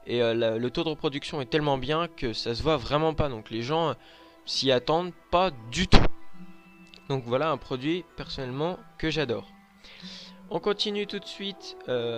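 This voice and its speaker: A man from Lorraine in France, hesitantly presenting his handmade collection in a casual show-and-tell video, with many filler sounds. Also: on the high side.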